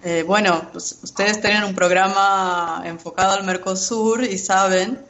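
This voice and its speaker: A woman from Brazil whose first language is Portuguese, a guest researcher explaining her views in a measured way on a radio interview. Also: medium pitch, steady tone, fairly bright tone, dull audio.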